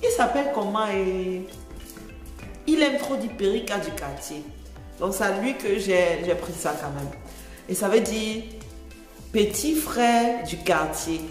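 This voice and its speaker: A woman's voice: mid-range voice, expressive, unhurried, long pauses, echoey room, big-room sound, faint music behind. A woman from Cameroon with a Cameroonian French accent, chatting casually as a vlogger, explaining and repeating phrases and laughing often.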